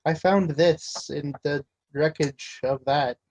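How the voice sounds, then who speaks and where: A man's voice: on the high side, fairly even intonation, slow, darkish tone, poor audio. A man taking part as a player in a tabletop role-playing game, talking in a playful way.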